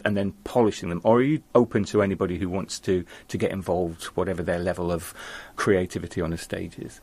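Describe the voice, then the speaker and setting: A man's voice: on the low side, no echo. A male interview host who asks long questions, often stumbling and repeating words as he builds them. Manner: hesitant, repeats words while forming questions. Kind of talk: conversational interview.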